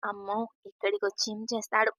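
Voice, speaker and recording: A woman's voice: medium pitch, completely flat delivery, fast, no echo, close to an everyday voice. Shy bashful young bride-to-be, read by a woman narrator; level, dry delivery. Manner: shy, quiet pleading.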